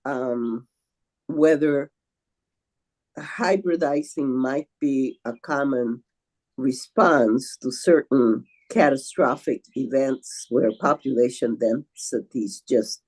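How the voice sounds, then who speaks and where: An older woman, asking a long question at a seminar over a video call, halting, with many fillers and restarts. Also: extremely low pitch, darkish tone, rough recording. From Venezuela. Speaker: audience member asking questions.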